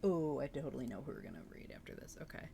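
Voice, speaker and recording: Very deep, gravelly yet mellow, her voice swings widely in pitch and moves quickly. As host of a book-reading livestream she chats casually and excitedly, reacting to the chat, with slight background noise behind her.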